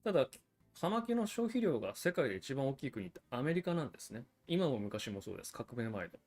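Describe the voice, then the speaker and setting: A man's voice: mid-range voice, sing-song, brisk, darkish tone, faint music behind. A man hosting a livestream about cigars, explaining things in a chatty, casual way with frequent asides to viewers. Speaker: cigar channel host.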